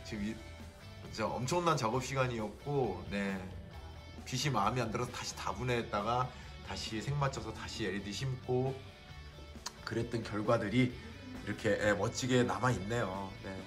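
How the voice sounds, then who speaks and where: Male vlog host, unhurried and admiring, phone-recorded indoors, faint music behind. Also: on the low side. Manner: admiring, unhurried, many "네" fillers. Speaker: model builder and channel host. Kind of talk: casual walkthrough vlog. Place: indoor exhibition cafe.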